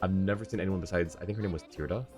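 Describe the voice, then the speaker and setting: A male streamer talks rapid-fire in a low voice while playing a game, rambling casually and voicing his thoughts as they come. The game's music and character dialogue can be heard underneath.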